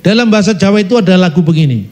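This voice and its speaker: A man's voice: sits high, very fast. A middle-aged man, preaching a sermon, telling stories animatedly and addressing the congregation directly. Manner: animated storytelling, addresses congregation, sings snatches of song.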